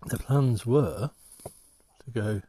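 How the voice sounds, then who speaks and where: A man talking casually while out walking, rambling in halting, restarting sentences as he thinks aloud. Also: medium pitch, warm tone, breathy edge, no room sound. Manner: rambling, halting, many restarts and trailing thoughts. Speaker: walking vlogger and artist.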